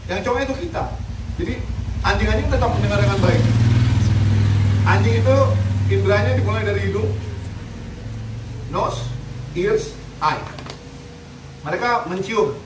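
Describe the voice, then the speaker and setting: A man's voice: high-pitched, normal speed, long pauses. A man chatting casually, giving blunt, joking advice on dog training and care. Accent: Indonesian. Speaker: dog rescue activist. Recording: roomy, distant mic, faint noise.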